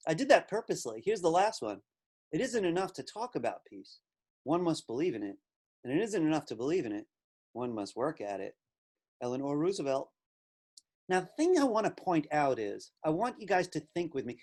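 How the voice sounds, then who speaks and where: Middle-aged guy teaching a class, chatty and thoughtful, voice swings up and down a lot. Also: fairly high pitch. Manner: conversational, reflective, emphatic on key words. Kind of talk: recorded class lecture.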